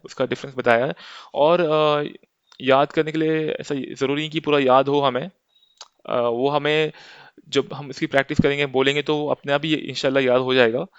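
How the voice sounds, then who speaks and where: A man's voice: mid-range voice, clear, resonant tone, no room sound, muffled recording. A man teaching an Arabic lesson step by step, patient and often checking in with his listeners.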